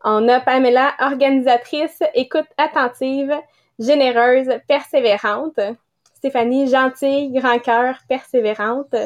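A woman co-hosting, reading listener comments aloud in a measured way. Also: high-pitched, steady tone.

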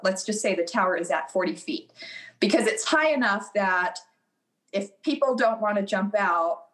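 A woman's voice: medium pitch, a bit bright. A middle-aged woman, a former Army officer, telling stories in a casual interview and laughing at her own anecdotes.

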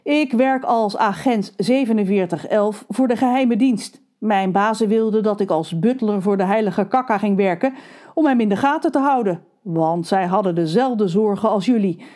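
A woman voicing a calm, polite male butler who is really a secret agent, explaining things matter-of-factly. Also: medium pitch, moderate pace, close to an everyday voice.

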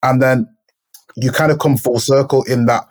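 A poet from Manchester, England, appears as a guest in a reflective conversation. His medium-pitched voice is steady and moderately paced as he thoughtfully searches for his words.

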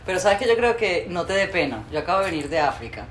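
A woman's voice: fairly low pitch, very animated, quick pace. A woman hosting an interview, effusive and opinionated, talking in long flowing sentences. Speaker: interviewer host. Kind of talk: casual interview chat. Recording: echoey room with faint ambient noise.

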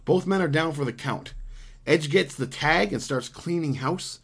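A man's voice: fairly high pitch, a little slow, gravelly, husky. Rambling, profane man recapping wrestling. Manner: rambling, profane, laughs often, frequent fillers. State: hiccuping. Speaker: podcast co-host. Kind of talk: casual wrestling recap chat.

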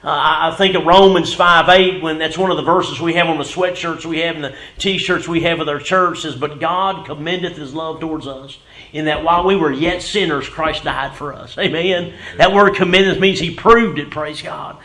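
Male pastor, high voice, preaching in a roomy sanctuary, lots of amens. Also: normal speed, bright, forceful tone. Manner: preaching with frequent amens and hallelujahs; reads scripture in old-fashioned wording. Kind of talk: sermon. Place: church sanctuary. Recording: echoey church room.

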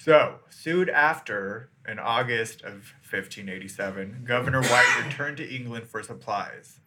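A man's voice: mid-range voice, bright, forceful tone, slight background noise. A man hosting a podcast, telling a history story in a laid-back, joking chat style. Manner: laid-back, loose with fillers and jokes.

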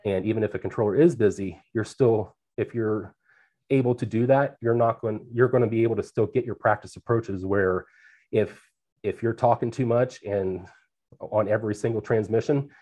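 A man's voice: fairly low pitch, moderate pace, mellow. Man, air traffic controller and guest. Plain, practical explainer with easy laughs, speaking over a remote call. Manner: explains plainly, laughs easily, many restarts. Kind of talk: conversational interview.

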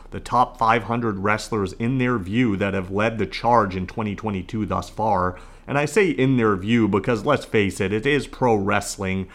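A man hosting a podcast, giving scripted solo commentary in a measured, announcer-like way. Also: fairly low pitch. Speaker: podcast host.

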